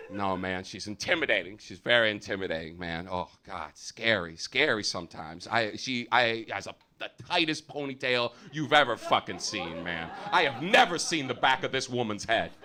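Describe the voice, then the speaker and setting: Loud american comic guy doing standup in a theater, bright voice that jumps all over, cursing a lot. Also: normal speed, slight background noise. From United States. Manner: loud, animated, swearing, voice jumps high for punchlines. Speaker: stand-up comedian. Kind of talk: stand-up comedy set. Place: comedy theater with a live audience.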